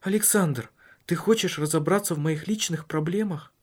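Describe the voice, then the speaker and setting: A man's voice: on the high side, normal speed, pitched above the performer's own voice, natural voice. Man doing a hurt, pleading young wife.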